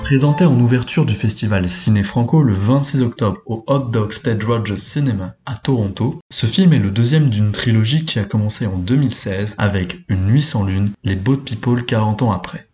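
A man presenting a cultural feature and interviewing a filmmaker, measured and formal. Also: lowish voice, darkish tone, faint music behind. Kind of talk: radio feature narration and interview.

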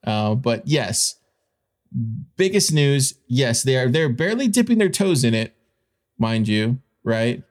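A man's voice: mid-range voice, very animated, slow. Emphatic man giving informal news commentary. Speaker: host of a crypto news show.

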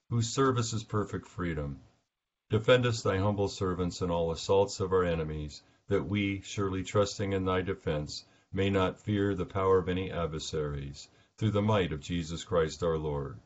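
A man leading morning prayer as a minister, reciting liturgy in a solemn, measured, formal manner. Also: sits low. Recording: dull lo-fi sound.

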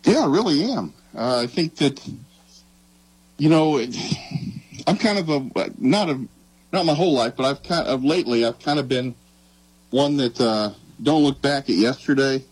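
Male sports talker, earnest and reflective, halting delivery, slightly rough voice, medium pitch. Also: expressive, no room sound, poor audio. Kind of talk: casual sports talk.

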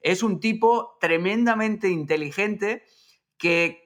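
A man with a Catalan accent, a native Catalan speaker, chats casually about football. His voice is bright and fairly high, with a tense edge, and he teases his co-host in a lively way. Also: takes it slowly. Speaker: podcast co-host.

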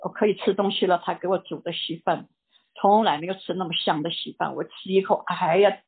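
An older woman giving a personal church testimony in a halting way, repeating words and dropping in English words. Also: fairly low pitch, fairly even intonation, slightly rough. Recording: tinny phone-like recording.

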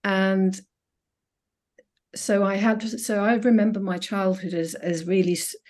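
A woman's voice: medium pitch, flat delivery, unhurried, a little mellow. A woman in her fifties from Finland, whose first language is Swedish, talking reflectively as a guest in an interview and often restarting her sentences. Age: 50s. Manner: reflective, with frequent restarts and self-corrections. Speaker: guest, sociologist. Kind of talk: conversational interview.

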